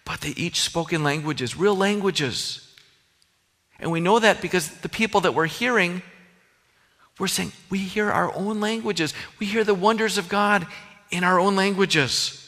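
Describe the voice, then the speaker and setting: A Minnesota-accented pastor preaches a sermon in a bright, forward voice that sits a little high for a man, speaking a little slowly. His delivery is earnest and conversational, and a long reverb trails each word.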